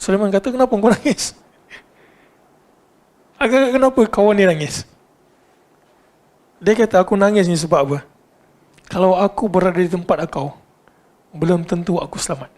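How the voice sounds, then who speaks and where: A man with a Malaysian Malay accent giving a religious lecture, telling a story in an animated way and asking his listeners questions as he goes. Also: high voice, a little fast, pauses often.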